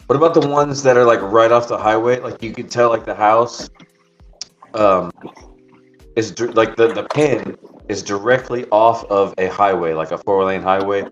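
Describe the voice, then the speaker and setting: A man's voice: lowish voice, moderate pace. A man streaming while driving deliveries, chatting casually and telling rambling, profane stories with frequent laughs. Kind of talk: casual chat, storytelling. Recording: dull lo-fi stream audio with faint music.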